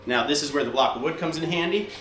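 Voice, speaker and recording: A man with a nasal, congested voice from being sick, calmly walking through a repair step by step with frequent ums and uhs. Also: a little high, fast talker, soft background music. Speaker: mechanic demonstrating a repair. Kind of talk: casual how-to demonstration.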